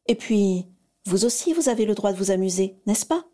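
A woman voicing a cheerful, affectionate mother who gently coaxes her children in a storybook reading. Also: medium pitch, lively intonation, moderate pace, natural voice. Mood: cheerful coaxing.

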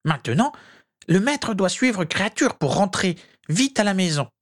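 A woman voicing an old male house-elf servant, anxious and devoted, with a creaky, grating voice who refers to himself in the third person and pleads with his master. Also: medium pitch, big pitch swings, normal speed. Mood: urgent. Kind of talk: amateur audiobook character voice.

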